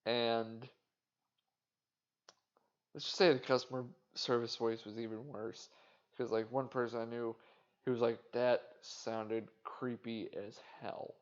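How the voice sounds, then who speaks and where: A man hosting a podcast, rambling casually in a flat, indifferent way, swearing and making fun of himself. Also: medium pitch, measured pace, long pauses. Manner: casual, swearing, self-mocking. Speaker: podcast host. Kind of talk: rambling solo monologue. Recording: dull lo-fi sound.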